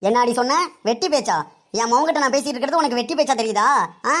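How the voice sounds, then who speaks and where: A woman's voice: a little high, quick pace, lightly acted. A woman playing a complaining widowed mother-in-law in a family comedy skit, with a Kanyakumari Tamil accent. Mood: quarrelsome. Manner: wailing, complaining.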